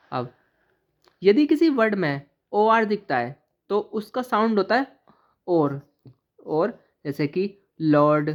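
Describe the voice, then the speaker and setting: A woman teaching an English pronunciation lesson who spells out letters and then says each word slowly and deliberately. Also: on the low side. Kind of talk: classroom-style lesson explaining pronunciation. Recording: slightly dull, lo-fi recording.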